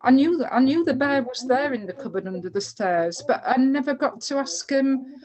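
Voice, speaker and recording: An older woman on a video call tells a personal story gently and hesitantly, with fillers. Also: sits high, lively intonation, moderate pace, low-quality recording. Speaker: workshop participant.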